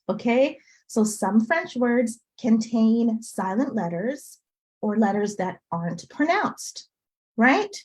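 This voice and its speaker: A woman's voice: a little high, a little mellow, low-quality recording. A woman tutor teaching a live online class to parents, upbeat and teacherly, often checking in with "okay?", heard through a video call. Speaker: French tutor.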